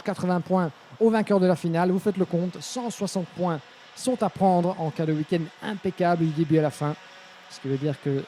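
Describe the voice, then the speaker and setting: High-voiced male motorsport commentator. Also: a little hiss or hum. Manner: excited when the action heats up. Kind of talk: live karting race commentary.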